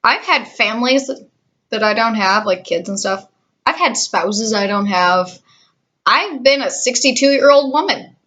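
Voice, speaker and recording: A woman's voice: on the high side, animated, a little slow, fairly bright tone. A woman in her twenties who works in a call centre, chatting candidly with a sarcastic, cynical edge. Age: 20s. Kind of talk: casual vlog chat.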